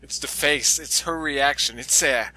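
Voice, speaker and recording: A man's voice: mid-range voice, unhurried, noisy background. A young man giving casual reaction commentary on scary film clips. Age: young adult. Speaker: reaction video host. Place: small dark room at home. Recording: loud film music behind.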